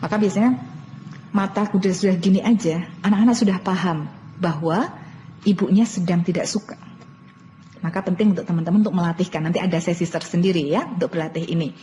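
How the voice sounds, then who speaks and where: A woman's voice: fairly low pitch, brisk, dark tone. A woman presenting an online parenting lesson, explaining step by step and repeating key points. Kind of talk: online lecture. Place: online webinar. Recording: long reverb, faint background noise.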